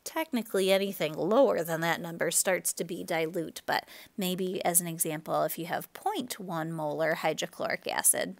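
A woman chemistry teacher giving a relaxed recorded lecture, explaining with fillers and self-corrections. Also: lowish voice, moderate pace, gravelly, few pauses.

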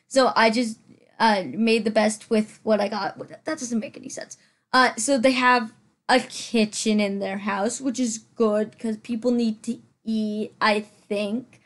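A woman with a slightly high voice talks through her build in a loose, rambling voice-over. She is chatty and self-deprecating and full of fillers. She sounds a little out of breath and sits a bit back from her microphone at home. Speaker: Sims building channel host. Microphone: farther from the mic than usual.

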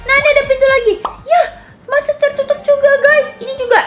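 A woman hosting a gaming channel, chatting excitably to viewers as she plays. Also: extremely high pitch, quick pace. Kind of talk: casual game commentary. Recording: game video with background music.

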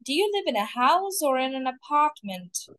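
A woman acting as examiner in a mock English speaking test, asking clear, measured questions. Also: sits high, big pitch swings, a bit bright, no echo.

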